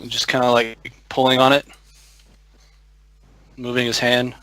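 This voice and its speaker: Brief: male player, slow unhurried delivery, bright tone, dry close sound. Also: mid-range voice, completely flat delivery, no room sound. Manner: slow, thinking aloud with fillers and laughs. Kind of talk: playing a tabletop game.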